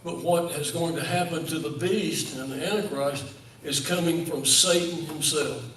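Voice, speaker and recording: A man, a pastor teaching a Bible study, who speaks deliberately, repeats words for emphasis and puts questions to the group. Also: fairly high pitch, fairly even intonation, a bit bright, slight background noise. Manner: asks the group questions and affirms answers. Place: church room. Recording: echoey room, voice from a distance.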